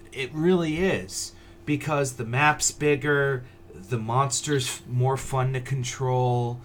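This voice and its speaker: A man co-hosting a casual gaming news podcast, joking in a dry, deadpan way. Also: mid-range voice, a little hiss or hum. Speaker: podcast co-host.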